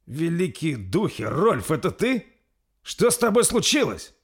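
A man's voice: fairly high pitch, sing-song, unhurried, husky, voice pushed up, full character voice. A man voicing a giant warrior king who gives commands. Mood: shocked. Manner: commanding, shouting.

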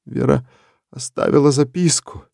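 A small, disheveled violinist , as a male narrator puts him on speaks in a quiet, mournful voice. The delivery is soft and sad, as in an audiobook story. The sound is dry and close. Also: mid-range voice, measured pace, gravelly, no echo, voice pushed up. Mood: sorrowful.

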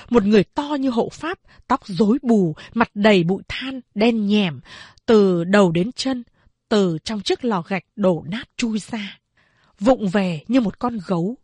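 A woman reading a novel aloud as audiobook narrator, slow and deliberate. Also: medium pitch, darkish tone, husky, no room sound.

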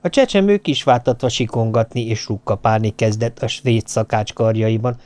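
A man giving a steady, measured audiobook narration. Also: medium pitch, no echo. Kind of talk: scripted narration.

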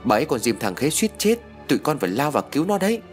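A man's voice: medium pitch, big pitch swings, very fast, faint music behind, pitched above the performer's own voice, close to an everyday voice. A man voicing a cheeky little village boy tattling eagerly.

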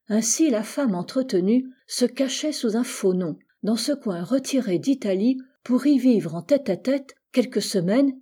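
A woman narrates a classic novel for an audiobook, keeping a measured, even pace through long sentences. Her voice is mellow and soft at the edges, with a husky grain. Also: on the high side. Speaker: audiobook reader. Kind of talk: scripted literary narration.

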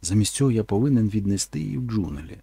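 Man, audiobook narrator, earnest storytelling, dark husky voice, lively delivery. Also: fairly low pitch, fast talker, no echo, studio quality. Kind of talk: first-person audiobook narration.

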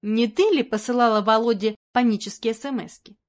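A woman voicing a calm woman sleuth who talks quietly but firmly. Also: moderate pace, natural voice. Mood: pressing. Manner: quiet, firm, low-voiced.

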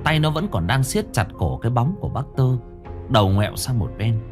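A man's voice: medium pitch, lively intonation, fairly quick, music in the background. A man narrating a horror story with a dramatic, suspenseful delivery.

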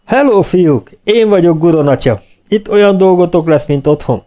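A fearsome drill sergeant, as a man puts him on, barking orders in a raised, loud voice. Warm, dark timbre with lively, swinging pitch, a storybook comedy character. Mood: jovial. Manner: barking commands, falsely jovial.

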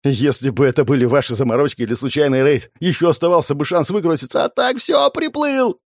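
A man voicing a panicking, furious male enforcer who shouts and curses. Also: a little high, lively intonation, fairly quick, no echo, clean studio sound. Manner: shouting, cursing, frantic.

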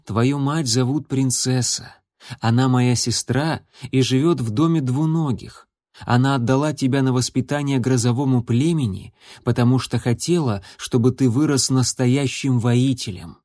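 A man as a stern young warrior tomcat, measured and earnest, mentor to a kitten, audiobook, dry recording. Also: mid-range voice, a little mellow, no echo, close to an everyday voice. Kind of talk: audiobook character voice.

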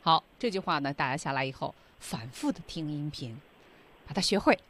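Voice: mid-range voice, expressive, fairly quick, a bit bright, no room sound. A radio host in a Mandarin English-lesson show, summarizing points and prompting the teacher to go on.

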